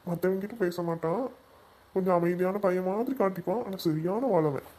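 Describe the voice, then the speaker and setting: A man's voice: high voice, brisk, dark tone. A man in a family comedy skit, talking in an easygoing, teasing way. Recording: noisy background hiss.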